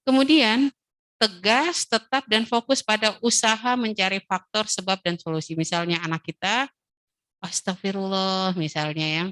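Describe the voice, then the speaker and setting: A woman talks mothers through parenting advice at a middle pitch, warm and conversational. She often drops into quick imitations of children and parents within her examples. The recording is dry and close, with no room around her. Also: fairly even intonation, dry recording. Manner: acts out child and mother voices in quoted dialogues. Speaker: parenting webinar speaker.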